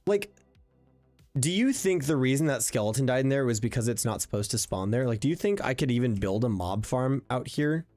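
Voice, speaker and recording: A man's voice: medium pitch, expressive, a little fast, a little mellow. A young man thinking aloud while streaming a block-building game, chatty and full of fillers, answering viewers as he plays. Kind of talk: casual live-stream gameplay commentary. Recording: faint background music under the voice.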